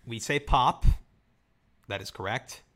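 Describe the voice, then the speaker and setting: A man's voice: mid-range voice, slow pace. A man co-hosting a podcast, from Michigan, chatting casually and reading things aloud with jokes. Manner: animated, reads aloud and jokes. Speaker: podcast co-host. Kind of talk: casual chat.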